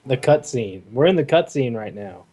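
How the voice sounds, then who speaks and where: A wry, joking man banters as a player at a tabletop game. His voice is relaxed and dark, sitting at a middle pitch. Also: moderate pace.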